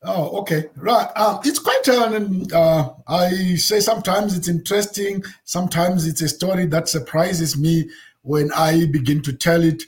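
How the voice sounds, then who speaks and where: A man in his fifties from Zimbabwe, a pastor telling his life story in an interview, pausing often with fillers. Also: high voice. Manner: halting, many fillers.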